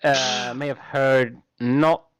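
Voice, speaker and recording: A man running a tabletop game as game master, narrating in halting, hesitant phrases. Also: mid-range voice, fairly even intonation, fairly bright tone, no room sound.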